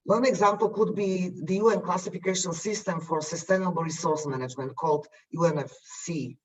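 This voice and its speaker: A man giving formal panel remarks as a UN official, measured and listing his points one by one. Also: high voice, fairly even intonation. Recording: distant, muffled video call audio.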